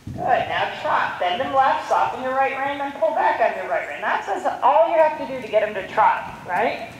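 High-pitched woman coaching in an echoey arena. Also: big pitch swings, normal speed, muffled recording. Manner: repetitive short commands. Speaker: horse-riding coach. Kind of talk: calling out riding instructions. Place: large indoor riding arena. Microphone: distant camera microphone. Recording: distant, very echoey indoor arena, some noise.

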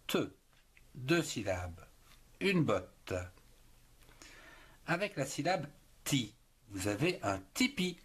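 A man gives a slow spelling lesson, sounding out words letter by letter and syllable by syllable at an extremely unhurried pace. His voice is husky and his pitch swings up and down in a lively, sing-song way. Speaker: writing teacher.

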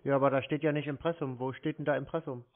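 A man baiting a scammer argues over a tinny, narrow phone line, blunt, insistent and scolding. His mid-range voice moves fast with fairly even intonation in this confrontational call.

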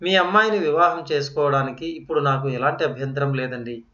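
A man's voice: on the high side, fairly quick, bright, forceful tone, recorded from a distance. A man voicing an earnest, polite young student. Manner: respectful, earnest and restrained. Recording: roomy, dull lo-fi.

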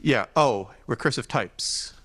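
A man's voice: medium pitch, animated, slow pace, a bit bright, slightly rough. An audience member, a man, asking a speaker tentative questions with many ums in a lecture hall. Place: lecture auditorium.

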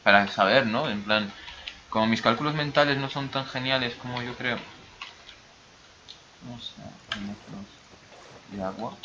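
At a measured pace with long pauses, the Basque YouTuber talks through his gameplay in a medium-pitched voice, his accent a mix of Basque and Brazilian Spanish. He's chatty and rambling, muttering to himself, and the lo-fi recording has background noise.

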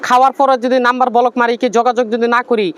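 Speaking quickly in a fairly high, level, clean voice, a woman with a Bangladeshi accent makes a pleading, insistent personal appeal. She is an interviewee recounting her own life story.

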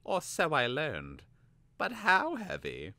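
A man's voice: fairly high pitch, wildly swooping pitch, slow pace, creaky, pushed and bright, dry recording, pitched above the performer's own voice, full character voice. A man voicing an eager, scheming young male apprentice who talks in a wheedling, tentative way.

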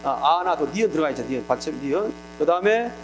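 A man's voice: a little high, animated, fast, a little hiss or hum. A man teaching an exam prep lecture, often stopping to ask his students check questions and switching between casual and polite speech. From South Korea. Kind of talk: classroom lecture.

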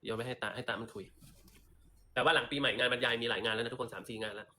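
A man's voice: mid-range voice, fairly even intonation, fast, pushed and bright. A man chatting sassily on a livestream while selling lipstick, with theatrical asides. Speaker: livestream seller. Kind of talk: casual livestream sales chat.

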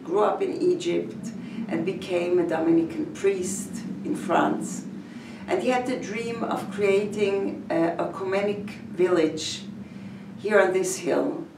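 Standing before a painted mural indoors, a Swiss community educator in her later years describes her village to the camera, phrase by phrase with pauses in between. Her voice is gravelly, roomy, fairly low and a little mellow. The distant mic picks up an echoey room and slight background noise.

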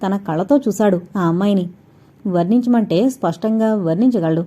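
A woman reads a suspense story aloud in a deep, mellow, dark-toned voice. She keeps a steady, measured pace and lets quiet dramatic pauses hang between sentences. The recording is dull and lo-fi. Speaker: audiobook narrator. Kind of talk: storytelling narration of a suspense novel.

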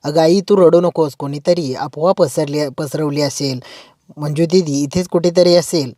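A woman's voice: sits low, fairly even intonation, moderate pace, warm tone, dry recording, studio quality, natural voice. A woman voicing an earnest young woman who reassures her mother. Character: worried young woman, protective younger sister.

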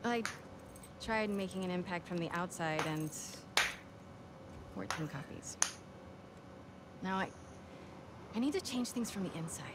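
A woman's voice: fairly low pitch, a little slow, pauses often, close to an everyday voice. An actress playing a determined young female newspaper reporter in naturalistic video game dialogue. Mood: frustrated, determined. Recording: game audio with noisy ambience behind.

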